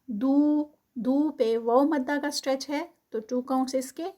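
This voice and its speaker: Woman, high voice, tajweed teacher, slow drawn-out recitation, brisk explanations. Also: steady tone, warm tone. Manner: chants verses slowly, then explains rules briskly in Urdu-English mix.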